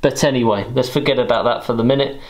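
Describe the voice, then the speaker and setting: Talking fast at a medium pitch, a young adult property renovation vlogger from the United Kingdom gives a casual update to camera. His British English is chatty and self-deprecating, and the bare, half-finished room adds a roomy echo.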